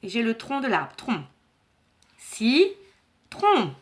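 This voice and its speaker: A woman teacher giving a lesson to young children, encouraging them and pronouncing words slowly and clearly. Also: on the high side, expressive. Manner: warm, encouraging, slow and clearly articulated; syllables stretched and repeated for children.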